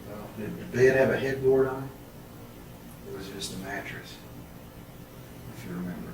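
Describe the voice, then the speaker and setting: A man's voice: fairly low pitch, a little slow. Male detective asking probing step by step questions, far from the mic, echoey room. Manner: methodical, repeats answers back, probing. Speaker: police interrogator. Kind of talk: questioning in a police interview. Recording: echoey room, distant mic, heavy noise.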